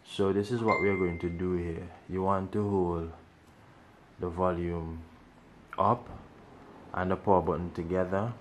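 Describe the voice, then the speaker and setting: A man's voice: low voice, level tone, measured pace, pauses often, a little hiss or hum. A man hosting a casual how-to video, explaining each step and repeating instructions as he goes. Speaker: tech tutorial host.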